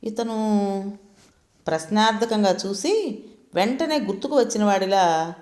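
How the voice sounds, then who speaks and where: A woman storyteller reading a story aloud in a calm, descriptive manner. Her voice sits at an ordinary middle pitch. The narration is steady and scripted. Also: a little slow.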